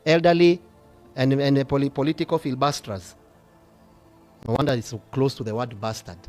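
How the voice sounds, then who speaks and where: A middle-aged bishop with a Kenyan accent, preaching passionately, swinging from hushed asides to loud rebukes. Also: male voice, medium pitch, fairly even intonation, a little fast, faint music behind. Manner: passionate, switching between whispers and shouting. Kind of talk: fiery sermon.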